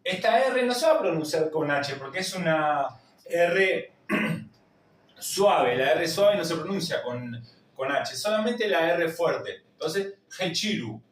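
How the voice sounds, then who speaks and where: Argentine male teacher, higher voice, slow patient delivery, drills words over and over. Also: animated, reverberant, distant mic. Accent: Argentine Spanish. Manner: repeats each word slowly, drilling pronunciation. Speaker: language teacher. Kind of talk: slow spoken lesson.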